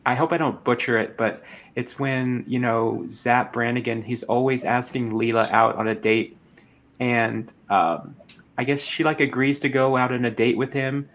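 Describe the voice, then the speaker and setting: A man's voice: medium pitch, fairly even intonation, normal speed, fairly bright tone. Man chatting, hesitant and rambling. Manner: rambling, hesitant, many restarts. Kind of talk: casual chat.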